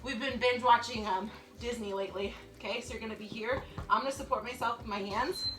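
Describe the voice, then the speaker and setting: In a fairly high, fairly bright voice that stays steady and runs a little fast, a young aerobics instructor cues her home workout with encouragement. She hosts the channel from her living room, recorded by a camera on the floor a few feet away. The audio is poor and the room echoes.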